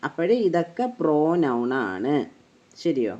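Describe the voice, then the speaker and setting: A woman's voice: low-pitched, animated, a little mellow. A woman teaching English grammar, explaining step by step and often asking if the listener has understood. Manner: checks understanding with frequent rhetorical questions; slow, patient step-by-step explaining. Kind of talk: grammar lesson explained in Malayalam. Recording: dull lo-fi recording.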